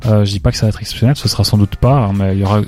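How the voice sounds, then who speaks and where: Man, co-host, middle pitch, rapid and chatty, filler-heavy, faint music under. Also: fairly even intonation, a little mellow. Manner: quick, chatty, many "euh" fillers, opinionated. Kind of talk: casual chat about rap news.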